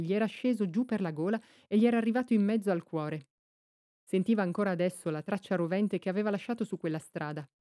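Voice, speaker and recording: A woman reading an audiobook in a calm, measured storytelling voice. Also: medium pitch, no room sound, clean studio sound. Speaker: audiobook narrator. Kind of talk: scripted audiobook narration.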